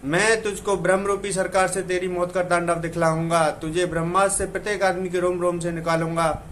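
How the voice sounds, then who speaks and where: A man's voice: high-pitched, flat delivery, a little fast, fairly bright tone, slight background noise. A man reciting verse as a stern, all-powerful male deity, proclaiming in a solemn manner. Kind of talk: recited devotional poem.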